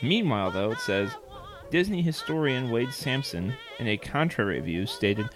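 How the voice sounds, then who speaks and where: A man's voice: mid-range voice, animated, moderate pace, music in the background. A man co-hosting a casual chat, reading aloud from articles and making wry, joking asides. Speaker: podcast co-host.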